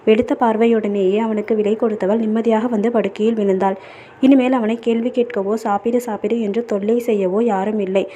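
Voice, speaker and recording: A woman storyteller reading a novel aloud in a steady, even narration. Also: medium pitch, a little fast, slight background noise.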